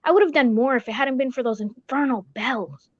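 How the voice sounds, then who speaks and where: Woman acting as high-voiced, genteel Doctor Watson. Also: brisk, dull audio. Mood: mildly exasperated. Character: genteel doctor, the detective's protective, mildly exasperated friend. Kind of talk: radio drama acting.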